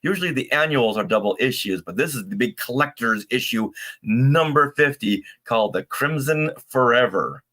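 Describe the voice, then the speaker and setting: Bright-voiced man co-hosting a live stream. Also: medium pitch, animated, moderate pace. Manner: playful, bantering, reacts to live comments. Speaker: co-host of a fan live stream. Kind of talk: casual live-stream chat.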